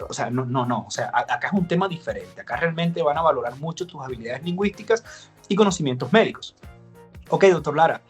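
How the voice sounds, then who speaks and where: A man hosting an interview, who talks in long, winding sentences full of fillers. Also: on the high side. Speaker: interview host. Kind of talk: conversational interview.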